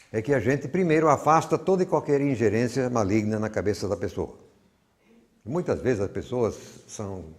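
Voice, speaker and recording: A man's voice: medium pitch, vocal fry, darkish tone. An older man from Brazil with a Brazilian Portuguese accent, giving a rambling, conversational teaching talk full of personal stories. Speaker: Bible teacher.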